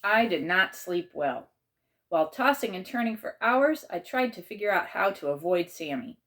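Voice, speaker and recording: This is a woman, an author and teacher, narrating a children's book at normal speed with a rather low voice. Taking on a child's first-person voice, she reads with lively drama and pitch that rises and falls freely.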